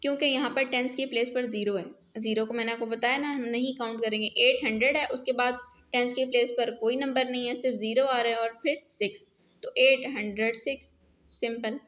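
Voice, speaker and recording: A woman's voice: fairly high pitch, fairly even intonation, fairly quick, fairly bright tone. A woman teaching a math lesson, explaining step by step and asking questions as she goes. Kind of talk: classroom lesson. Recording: dull lo-fi sound.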